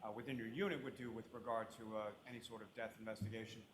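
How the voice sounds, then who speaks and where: A man questioning a witness in court as an attorney, methodical and filling pauses with "uh". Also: fairly low pitch, steady tone, a little hiss or hum. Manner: methodical, fills with "uh".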